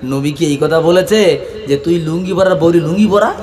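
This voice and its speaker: Male preacher, hoarse voice, high-pitched, long echo off the loudspeaker sound, storytelling sermon with chanting. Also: normal speed. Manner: storytelling, voices quoted people, breaks into melodic chant. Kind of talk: Islamic sermon with chanted Arabic. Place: stage at a large religious gathering.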